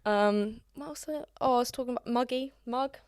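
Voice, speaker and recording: A woman's voice: a little high, fairly quick, a little mellow, clean tone, no echo. Chatty southern English woman, dry sound. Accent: southern English, Hampshire. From England. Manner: chatty, hesitant, lots of fillers. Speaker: guest. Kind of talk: casual chat.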